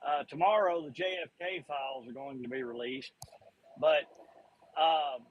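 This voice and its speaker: Kentucky guy calling in, line breaking up and cutting out, kinda high voice, drags his words out. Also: measured pace, lo-fi sound, a little hiss or hum. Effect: online call audio breaking up and cutting out. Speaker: remote caller on a panel. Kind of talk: casual political talk.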